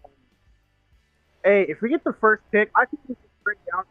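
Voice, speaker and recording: A man calling in to chat casually about football, his voice muffled as if heard through a wall, talking haltingly with many fillers. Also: high-pitched, lively intonation, no echo, faint music behind. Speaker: caller. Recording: dull muffled phone call.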